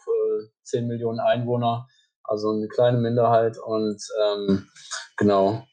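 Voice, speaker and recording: Young man from eastern Belgium, podcast guest, dark flat tone, easygoing answers full of fillers. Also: on the low side, poor audio. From Belgium, German-speaking East. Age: 20s. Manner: relaxed, explains with many fillers. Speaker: guest, biathlete.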